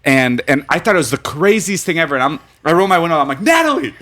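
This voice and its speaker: A man in his twenties chatting on a podcast, telling stories with lots of swearing and jumping up in pitch when he quotes people. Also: fast. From United States. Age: 20s. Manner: animated storyteller, swears often, voice leaps up when acting out quotes. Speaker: podcast co-host. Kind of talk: casual podcast chat.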